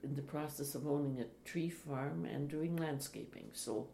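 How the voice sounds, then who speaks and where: An older woman, a retired teacher, speaking slowly and reflectively in an interview. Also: sits low, gravelly. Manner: slow, reflective, with soft laughs. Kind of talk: oral history interview. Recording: echoey room, faint hiss.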